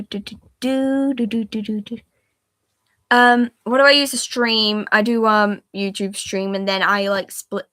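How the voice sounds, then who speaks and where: A livestreaming artist talks casually through her laptop mic as she draws, describing every step and frequently leaving thoughts unfinished. She has a medium-pitched, fairly bright voice, and the sound is dry and clean like a studio recording.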